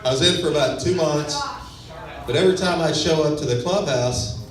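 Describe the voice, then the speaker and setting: On a club stage, a man from Texas with a West Texas accent works through a laid-back, self-deprecating stand-up set. His voice sits a little high and moves briskly. The sound is echoey and distant, with a crowd present.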